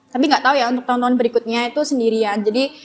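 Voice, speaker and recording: A young woman speaking as an interview guest in a relaxed, chatty way, with frequent fillers and a loose, easy flow. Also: fairly high pitch, rapid-fire. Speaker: guest, former flag-raising team member. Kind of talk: casual interview chat.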